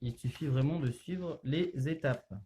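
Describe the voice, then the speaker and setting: A young French man leads a casual step-by-step demonstration for children and parents. His voice sits a little high, and his delivery is relaxed and conversational, full of small hesitations. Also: a little slow. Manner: relaxed, chatty, many hesitations. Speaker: youth center activity leader.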